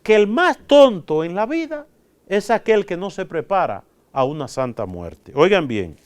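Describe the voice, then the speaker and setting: Priest, male, sermon delivery; expressive, acts out voices in his stories. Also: high voice, a little slow, clear, resonant tone. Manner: animated, acts out quoted voices in a story. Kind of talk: sermon with storytelling.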